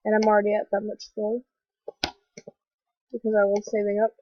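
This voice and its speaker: A young woman with a stuffy cold voice hosting a casual gaming commentary vlog, rambling excitedly with lots of fillers. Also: medium pitch, normal speed, no room sound. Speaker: gaming video host. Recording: dull lo-fi voice recording.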